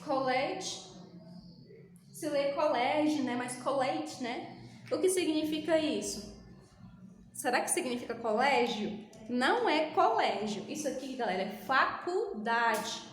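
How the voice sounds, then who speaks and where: A woman's voice: high-pitched, animated, measured pace, a little hiss or hum. A woman teaching an English class to Brazilian schoolchildren, patiently repeating and drilling pronunciation. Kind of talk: recorded online class. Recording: echoey room with faint ambience.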